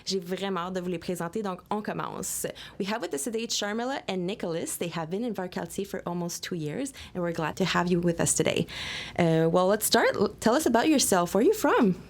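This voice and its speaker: A woman's voice: medium pitch, expressive, brisk. Chatty woman interviewer. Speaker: interviewer, community organizer. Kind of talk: casual interview.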